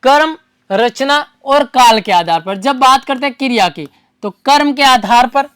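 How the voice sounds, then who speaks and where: A woman's voice: high-pitched, lively intonation, unhurried, clean tone, no echo. A woman teaching an exam-prep grammar lesson. She asks the class questions, answers them herself, and repeats key terms for her students.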